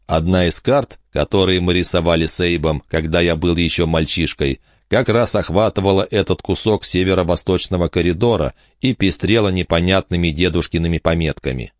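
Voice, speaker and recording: A man reading a novel aloud in the first person, with measured storytelling in a dry studio. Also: sits low, dry recording. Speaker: audiobook narrator. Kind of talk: first-person scripted narration.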